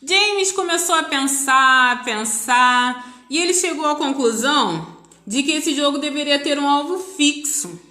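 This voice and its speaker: Speaking in a high, unhurried voice that is pushed and bright, a Brazilian-accented woman teaches a school lesson as a physical education teacher. Her delivery is didactic, with key points repeated for emphasis, in an echoey, roomy recording.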